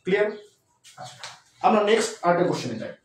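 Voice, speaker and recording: Man, exam tutor, live online class, informal, fast talking, echoey room, off-mic. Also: high voice, very animated, recorded from a distance, slight background noise. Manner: addresses students informally, mixes English terms into Bengali. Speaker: admission test English tutor. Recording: roomy echo, voice a bit off-mic.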